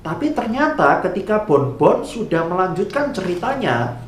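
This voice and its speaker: A man teaching Sunday school, telling a story slowly and animatedly to children. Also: high-pitched, big pitch swings, a little hiss or hum. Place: church room. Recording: echoey room.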